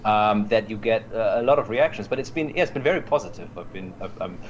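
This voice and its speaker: A man, an actor who is a guest in an interview, speaking in a halting way with many restarts and fillers. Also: on the low side, muffled recording. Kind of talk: casual interview.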